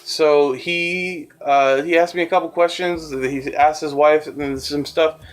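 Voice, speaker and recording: A man's voice: a little high, unhurried. Rambling young man telling a story. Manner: rambling, self-deprecating, animated. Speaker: animator and storyteller. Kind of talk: casual storytime narration.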